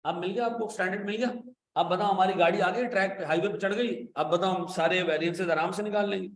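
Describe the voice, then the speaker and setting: A man giving an accounting lecture, animated and coaxing, pressing his students with repeated questions and playful scolding. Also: sits high, fast, roomy sound. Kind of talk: classroom lecture.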